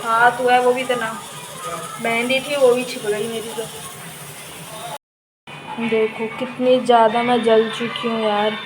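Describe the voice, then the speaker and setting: A young woman vlogging at home into her phone, talking casually to her viewers in a high voice. She sounds tired and unwell. Faint household noise sits under her voice. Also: flat delivery, a little slow, pauses often. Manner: chatty, laughs often, talks to viewers and to a cow. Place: indoors and in yard of a home.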